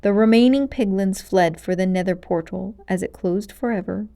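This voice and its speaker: Reading from a children's storybook, this female narrator is dramatic and expressive while keeping her pacing clear. She has a mid-range voice and a normal speaking rate.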